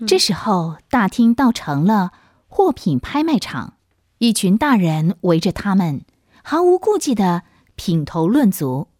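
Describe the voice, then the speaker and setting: A woman narrating a children's story in a gentle, expressive storytelling manner on a close studio mic. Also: mid-range voice, measured pace, no echo.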